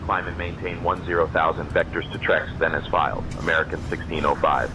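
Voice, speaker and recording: A man's voice: a bass voice, little pitch movement, a little fast. A man working as an airline first officer, giving clipped, procedural radio readbacks to air traffic control. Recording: dull, noisy cockpit radio audio.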